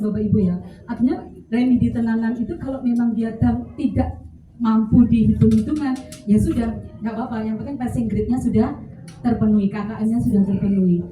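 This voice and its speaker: A woman with a Javanese accent giving an animated, joking workshop talk to teachers. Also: on the high side. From Central Java. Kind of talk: lively lecture to an audience. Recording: echoey hall, mic at a distance, faint noise.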